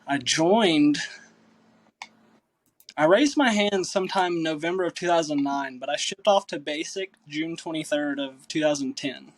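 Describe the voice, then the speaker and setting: Man, Kentucky accent, thirties, casual rambling chat, slightly higher voice, dry sound. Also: normal speed, no echo. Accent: Southern US, Kentucky. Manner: relaxed, rambling with many uh and um. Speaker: podcast guest.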